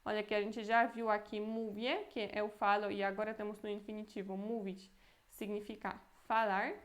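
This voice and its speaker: A woman's voice: medium pitch, little pitch movement. Patient Brazilian woman teaching Polish. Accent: Brazilian Portuguese. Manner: patient, explanatory, slows down to repeat Polish phrases. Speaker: language teacher. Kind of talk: Polish lesson explained in Portuguese.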